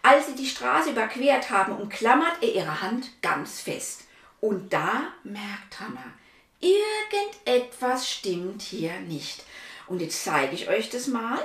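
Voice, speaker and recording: A woman's voice: a little high, big pitch swings, slow, a bit bright. Woman reading kids a story, chatting to them in between, roomy and a bit far off. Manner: asides to children and her dog. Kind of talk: reading a children's story aloud.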